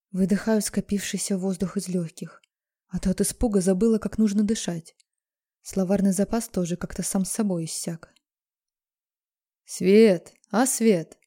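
A woman narrates a first-person story in a warm, mellow voice at a middling pitch. Her reading is expressive, and she sometimes drops into a near whisper for the quieter moments. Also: moderate pace. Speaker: audiobook narrator.

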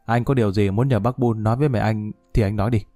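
A man voicing a calm, authoritative police colonel who speaks in a measured way, in an audiobook drama reading. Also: fairly low pitch, dry recording, faint music behind, lightly acted.

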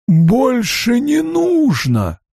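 A man playing a cruel dark lord in an audiobook, commanding and menacing, drawing out his words to tempt his prey. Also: a little high, very animated, takes it slowly, gravelly, breathy edge, no echo, studio quality, pitched above the performer's own voice, heavily acted. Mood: insinuating, tempting. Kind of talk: dramatic audiobook character voice.

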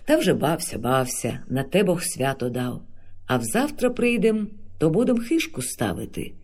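Older villager, calm, knowing, folksy, read by a man. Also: on the high side, normal speed.

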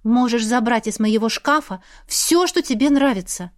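A woman voicing a spirited young heroine, the eldest sister, in an audiobook, with a lively, warm manner. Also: a little high, normal speed, natural voice. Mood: affectionate.

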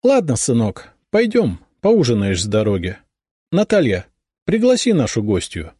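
A man's voice: medium pitch, wildly swooping pitch, normal speed, warm tone, husky, dry recording, studio quality. A man reading an audiobook, voicing a stern, imperious noble mother who scolds her children. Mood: scolding. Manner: reproachful, imperious. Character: stern high-born mother, sharp and scolding.

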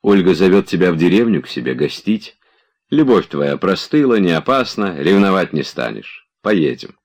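A man voicing an energetic, cheerful friend who speaks persuasively and insistently. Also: sits low, normal speed, voice pushed up, exaggerated voice. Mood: persuading.

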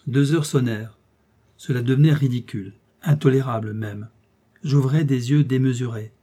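A man narrating a classic adventure novel in the first person, with expressive, measured storytelling. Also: mid-range voice, husky. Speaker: audiobook narrator.

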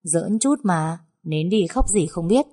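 A woman's voice: on the low side, animated, unhurried, mellow, slightly rough. Woman voicing a teasing young master. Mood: coaxing. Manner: teasing, then coldly probing. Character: teasing young master of a rich household, playful then menacing.

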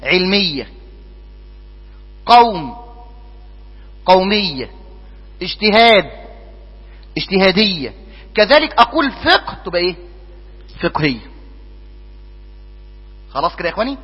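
A man's voice: high-pitched, very animated, measured pace, pauses often, breathy edge. A man with an Egyptian accent teaching a jurisprudence lesson, putting questions to his students and answering them himself. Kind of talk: classroom lesson. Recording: dull lo-fi recording in a hall with long reverb.

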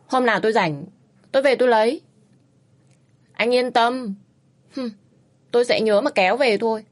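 A woman voicing a fiery, stubborn young woman who speaks in high, shrill outbursts and pleads loudly. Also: moderate pace, natural voice. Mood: defiant.

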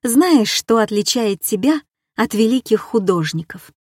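A woman's voice: fairly high pitch, lively intonation, a little slow, darkish tone, breathy edge, dry recording, clean studio sound. A woman playing a weary, bitter woman reproaching her lover. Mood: accusing. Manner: reproachful, probing questions.

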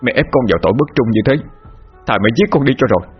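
A man voicing a fearful, loyal male general who pleads in a hurried way, in a muffled recording with long reverb. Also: mid-range voice, expressive, husky, soft background music. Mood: fearful pleading.

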